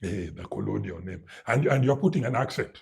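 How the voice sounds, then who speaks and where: Very husky Kenyan man, lively storyteller. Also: lowish voice, brisk. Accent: Kenyan English. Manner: animated storyteller who mimics sounds and drops Swahili words. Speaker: guest. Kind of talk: storytelling in a conversational interview.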